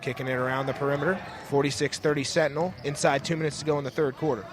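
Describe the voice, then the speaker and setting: A young man talks very fast in a slightly high, steady voice while doing live radio play-by-play of a basketball game. He's inside a school sports gym, and the courtside audio is noisy, with ambience and bouncing basketballs clearly heard behind him.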